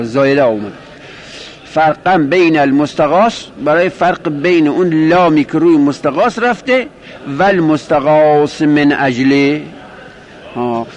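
A man teaching a grammar lesson, explaining step by step, asking and answering his own questions, and slowing down to repeat quoted phrases. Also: a little high. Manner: repeats and rephrases terms, slows on quoted Arabic. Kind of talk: classroom lecture explaining a grammar text.

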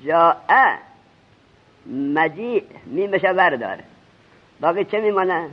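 Husky-voiced man teaching a grammar class. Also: on the high side, expressive. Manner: quizzes students with rapid questions. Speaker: religious teacher. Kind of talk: seminary grammar lesson. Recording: dull lo-fi recording.

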